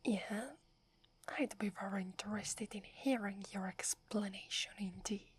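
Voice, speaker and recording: This ASMR clip features an Italian-accented woman as a proud, wary werewolf guardian of a holy forest, speaking in an accusing whisper. The voice is husky and mid-range, a little slow, with fairly even intonation, and she sounds scornful throughout.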